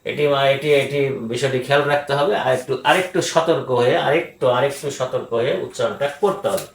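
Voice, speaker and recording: An older man giving a grammar lesson, speaking deliberately, repeating words for emphasis and pausing with hesitations. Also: mid-range voice, gravelly. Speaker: grammar teacher. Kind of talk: grammar lecture. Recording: echoey room.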